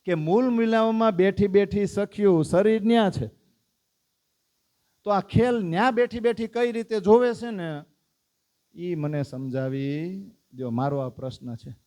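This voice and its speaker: Earnest merchant questioner in a retold sermon story, voiced by the male preacher, mellow, higher-pitched man. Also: measured pace, long pauses. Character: Lakshman Sheth, devout merchant asking a question.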